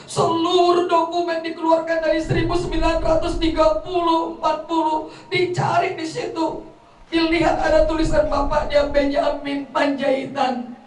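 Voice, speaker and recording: A woman's voice: very high voice, a little mellow, a little hiss or hum. A middle-aged woman gives a eulogy at a funeral gathering, telling heartfelt family stories and quoting her relatives. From North Sumatra. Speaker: daughter giving a eulogy. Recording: echoey room, voice from far off the mic.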